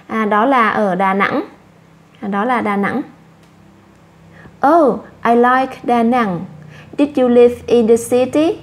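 A woman with a Vietnamese accent teaching English to children, saying each English word slowly twice and explaining it in Vietnamese. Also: fairly high pitch. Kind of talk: slow classroom explanation for children.

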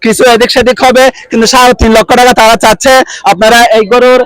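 A male field reporter speaks in a high voice with a Chattogram Bangladeshi accent. His delivery is quick and eager, yet halting, with repeated words as he presents and asks questions on location. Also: flat delivery, fairly bright tone, clean tone, no echo. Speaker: reporter for a local online channel. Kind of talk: on-location market report with interviews. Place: outdoor cattle market.

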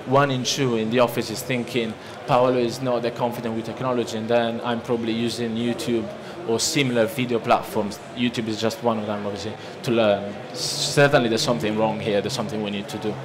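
With little pitch movement and almost no pauses, a man from Italy in his thirties speaks fairly quickly in a mid-range, Italian-accented voice. He gives a loose, conversational seminar talk at a lectern in a large conference hall, stumbling into restarts and fillers, and his lectern microphone picks up the listening crowd.

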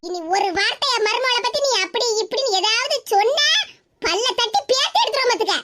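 A woman voicing a fiery, blunt middle-aged village mother-in-law with a Tirunelveli Tamil accent in an animated cartoon. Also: extremely high pitch, a little fast, very noisy. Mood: scolding. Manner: scolding, blunt, threatening.

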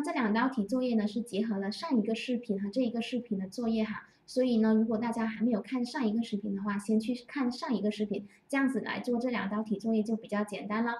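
A woman teaching French grammar to Chinese-speaking learners, patiently explaining and slowly repeating example phrases. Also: on the high side, a little mellow. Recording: roomy echo, distant from the mic.

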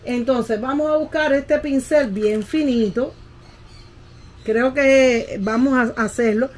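A woman's voice: high-pitched, slow pace, darkish tone. A middle-aged woman, teaching how to paint a landscape in a casual tutorial and often checking that the viewer follows. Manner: patient, keeps asking "¿ve?" while demonstrating.

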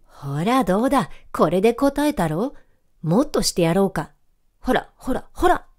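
A woman voicing an excitable, pushy male dog in a storybook reading. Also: mid-range voice, moderate pace, close to an everyday voice. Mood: gloating. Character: boisterous loyal male dog, rough and eager.

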